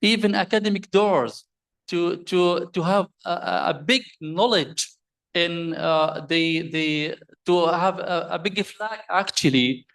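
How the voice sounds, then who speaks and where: Audience questioner: man, earnest, emphatic, slightly high-pitched. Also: slow pace, fairly bright tone. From Jordan. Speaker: audience member asking a question. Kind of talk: question from the floor at a conference. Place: conference hall.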